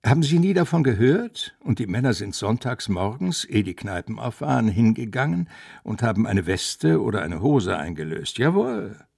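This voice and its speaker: A man doing a scornful gravelly canvasser. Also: fairly low pitch, very animated, normal speed, a little mellow, no room sound, voice pushed up, full character voice. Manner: indignant, scornful gossip. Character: grumbling middle-aged male Dublin canvasser. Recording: dry close studio sound.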